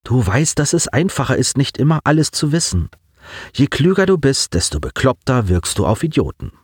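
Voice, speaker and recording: A man voicing a calm, clever, self-assured teenage girl in an audiobook, raising his voice for her. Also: mid-range voice, moderate pace, slightly rough, no room sound, studio quality, pitched above the performer's own voice. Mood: knowing.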